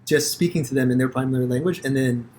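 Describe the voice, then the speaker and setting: A man from the United States hosting a podcast, telling stories in a rambling, profane, animated way with many restarts. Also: medium pitch, fast, a little hiss or hum. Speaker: podcast host. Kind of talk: casual conversation.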